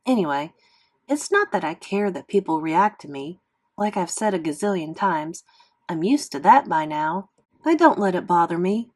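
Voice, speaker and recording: This is expressive classroom-style narration: a woman with a mid-range voice reads from a children's novel as a teacher would for a class.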